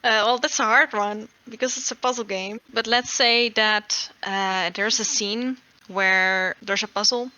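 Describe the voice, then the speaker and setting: Bright-voiced Dutch woman designer. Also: medium pitch, fairly even intonation, unhurried, few pauses, no echo, low-quality recording. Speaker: lead game designer.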